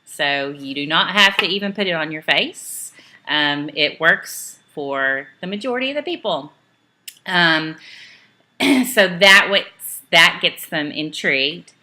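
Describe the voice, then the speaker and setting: A woman's voice: deep voice, expressive, a little slow, pushed and bright. A middle-aged woman from East Tennessee with a Southern accent, giving a chatty, upbeat home video training talk, full of "um"s and self-corrections. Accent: Southern American (East Tennessee). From Eastern Tennessee, United States. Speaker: direct sales team trainer.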